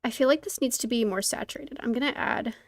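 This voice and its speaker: Higher-pitched woman streamer with creaky edges. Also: quick pace, no echo, studio quality. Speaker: streamer painting along to a tutorial. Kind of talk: casual live-stream chat, thinking aloud.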